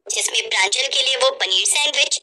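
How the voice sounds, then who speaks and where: A woman narrating a moral storybook tale in an expressive, storytelling manner. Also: sits high, a little fast.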